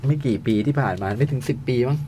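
A man's voice: medium pitch, fast talker, dark tone, slight background noise. Rambling man retelling a film. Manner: rambling retelling with many restarts and repeated words. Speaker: film review co-host. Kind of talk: casual chat retelling a film plot.

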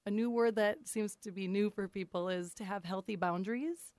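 A woman on a talk show earnestly sharing wellness tips, gentle and full of restarts. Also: mid-range voice, steady tone, normal speed, dry recording, studio quality. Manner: earnest, gentle advice-giving with many restarts. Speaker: guest wellness coach. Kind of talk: casual talk show chat.

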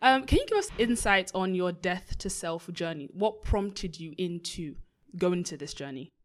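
A woman's voice: on the low side, expressive, normal speed. A young woman hosting a faith podcast, talking in an upbeat, casual way with frequent praise. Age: young adult. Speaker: podcast host.

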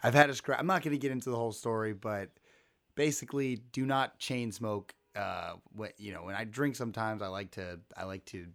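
This sports podcast host has a scratchy throat and a voice on the low side that's a bit bright, with a steady tone and a slightly fast pace. His casual delivery rambles, full of self-interruptions and restarts.

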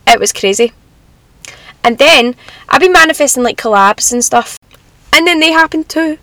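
A woman's voice: sits high, animated, moderate pace, sharp tone, dry recording. A young Scottish woman giving casual motivational advice in an upbeat, encouraging, chatty manner, like a self-help vlogger. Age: young adult.

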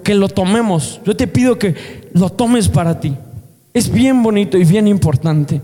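Casting: Mexican man preaching, earnest, quizzing the congregation, voice sits high. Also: mellow. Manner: earnest, asks the congregation questions. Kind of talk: sermon. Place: church hall. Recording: long hall reverb.

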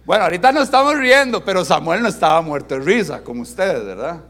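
A man preaching a sermon as pastor, animated and interactive, asking his congregation questions and dropping to soft, emphatic tones. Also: high voice, fast talker. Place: church service with congregation.

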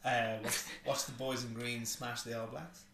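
A man's voice: medium pitch, level tone, a little slow, noisy background. A man chatting casually as a co-host on a podcast. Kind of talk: casual banter. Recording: echoey room.

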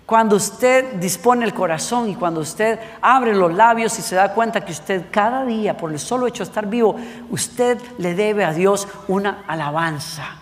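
A man's voice: high-pitched, normal speed, long reverb tail. A young man, a worship leader, preaching a sermon with emphatic direct address to listeners, his force rising and falling.

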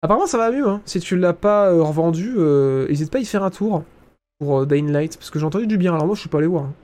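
A man's voice: a little high, expressive, fast talker, a little mellow. A young man with a French accent, chatting casually on a live stream, reading the chat and hesitating with many fillers.

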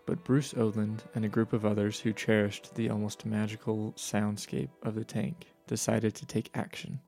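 Guy narrating a travel show like a story, pretty even tone, gravelly fry, faint music behind. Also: lowish voice, normal speed. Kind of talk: scripted narration.

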